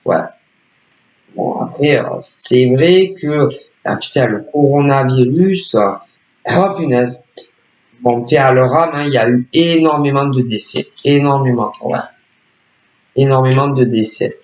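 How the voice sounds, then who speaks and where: A man's voice: medium pitch, unhurried, long pauses, a little mellow, reverberant, poor audio. A man giving a casual spoken tarot reading as a psychic, hesitant and repetitive, full of filler words. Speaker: psychic reader.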